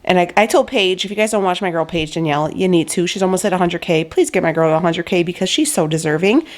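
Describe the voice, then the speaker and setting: A young woman vlogger chats loosely while cooking in her home kitchen, recorded by a camera on a tripod. Her voice is on the low side with lively intonation and a fast pace, and her talk is chatty and full of "like" and "um."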